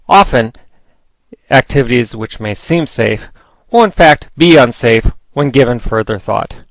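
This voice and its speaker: A man's voice: medium pitch, gravelly, a bit bright, no echo, low-quality recording. A man reading scripted instructional narration in a formal, instructive manner. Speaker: training narrator.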